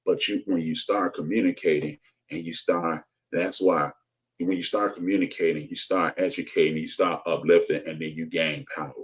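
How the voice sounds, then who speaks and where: Deep-voiced man preaching social commentary. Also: steady tone, moderate pace, low-quality recording. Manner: preachy, repetitive rhetorical emphasis with frequent restarts. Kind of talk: impassioned commentary monologue.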